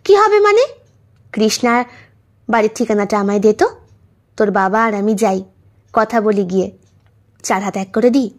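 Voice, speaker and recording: Lady playing a loving old mom, coaxing warmly, storybook voice. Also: medium pitch, animated, moderate pace, long pauses, voice pushed down, lightly acted. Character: older mother, loving, secretly ill.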